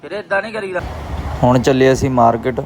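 A man's voice: mid-range voice, lively intonation, fast talker. A man with a Punjabi accent chatting casually and playfully as he films a family vlog. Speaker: vlogger and father. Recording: loud ambient and vehicle noise.

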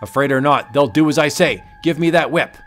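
An arrogant, bullying hunter who lords it over everyone, as a man puts him on. The voice sits slightly high and commanding, in a storybook reading with faint music underneath. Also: brisk, a bit bright, lightly acted. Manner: arrogant, domineering, later panicked. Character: cruel obsessed male big-game hunter.

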